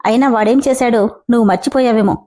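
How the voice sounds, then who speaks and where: A woman's voice: fairly high pitch, fairly even intonation, fast, dark tone, close to an everyday voice. A woman reading the lines of a stern middle-aged father who scolds his family. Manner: gruff, scolding.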